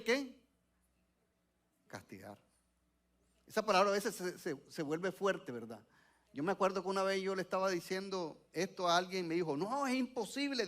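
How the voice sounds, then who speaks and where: A man's voice: high-pitched, a bit bright. A male pastor preaching a sermon to a church congregation, asking them questions and waiting for their answers.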